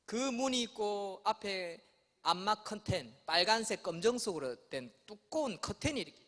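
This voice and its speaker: A man's voice: high-pitched, animated, normal speed, fairly bright tone. A male pastor telling a childhood story in his sermon, acting out voices. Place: church sanctuary. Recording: long church hall reverb.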